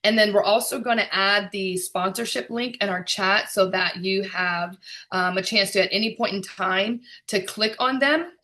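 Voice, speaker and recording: A woman producer and director hosting a video call, chatty and excited, with frequent fillers and laughs. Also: medium pitch, moderate pace. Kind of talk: casual presentation on a video call.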